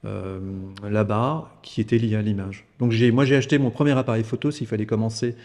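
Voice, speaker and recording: In a large hall, an Alsatian man in his fifties chats informally as a guest on a podcast, full of fillers and repeated words. He speaks briskly, with a lowish, darkish voice and a steady tone.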